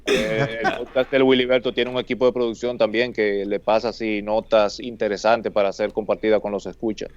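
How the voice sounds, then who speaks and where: A man's voice: on the low side, flat delivery, fairly quick, dry recording, lo-fi sound. A man on a casual podcast, playfully teasing the others and steering the conversation. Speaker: podcast participant.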